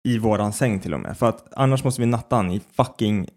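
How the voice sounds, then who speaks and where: A man's voice: lowish voice, darkish tone. Rambling Swedish man, young parent. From Sweden. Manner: swearing, laughing, rambling storyteller. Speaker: podcast co-host. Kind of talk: casual chat.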